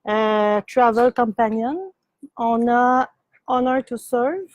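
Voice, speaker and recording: A woman's voice: a little high, takes it slowly, a little hiss or hum. A middle-aged woman with a Québécois French accent, chatting casually as she shows yarn and sock blanks on a live stream, full of fillers and easy laughs. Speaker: yarn shop host. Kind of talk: casual live product demo.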